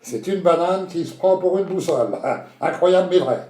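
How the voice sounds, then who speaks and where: A man's voice: sits high, animated, moderate pace, mellow, recorded from a distance, pitched above the performer's own voice. A man voicing an eager, overconfident male quiz contestant who blurts out his answers and repeats himself. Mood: overeager. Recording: roomy echo.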